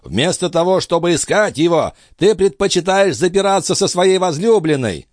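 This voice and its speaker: A man voicing an ancient, frail male alchemist, wrathful and scornful, with a weak, quavering old voice and shrill shouting outbursts. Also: expressive, normal speed, no room sound, clean studio sound. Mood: mocking. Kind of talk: audiobook character voice.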